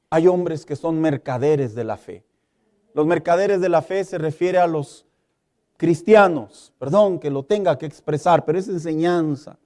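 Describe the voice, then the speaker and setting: A pastor preaching a sermon, emphatic, asking the congregation questions and acting out little dialogues. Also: male voice, on the high side, mellow.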